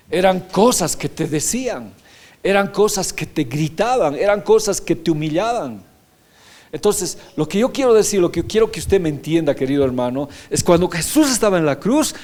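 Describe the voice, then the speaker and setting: Preaching in a high-sitting, slightly mellow voice, the pastor reads verses from scripture aloud. He frequently puts rhetorical questions to the congregation.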